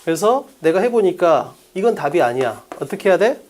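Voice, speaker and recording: A middle-aged man teaching an English exam-prep class in a lecture studio, animated, drilling students with quick questions in casual speech. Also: high-pitched, slight background noise.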